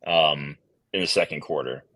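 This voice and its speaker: A man's voice: rumbling low, moderate pace, sharp tone, no echo. A man co-hosting a markets show, talking loosely with hesitations, jokes and swearing. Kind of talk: casual market chat.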